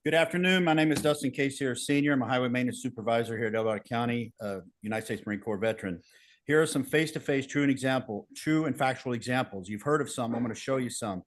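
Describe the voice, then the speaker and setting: Middle-aged man, mid pitch, earnest podium speaker making a forceful public appeal at a county board meeting. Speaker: public commenter, county road crew supervisor.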